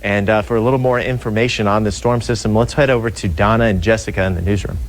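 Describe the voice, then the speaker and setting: A man's voice: fairly low pitch, steady tone, fast, slight background noise. A man working as a TV weather forecaster, giving grave, emphatic ad-libbed warnings in live hurricane coverage.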